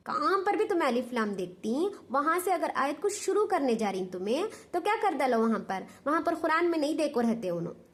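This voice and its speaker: A woman with a high voice and a Hyderabadi Urdu accent teaches Quran recitation. She explains step by step, patient and repetitive, and keeps checking that her students follow. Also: sing-song, brisk. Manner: patient, repetitive, asks "understood?".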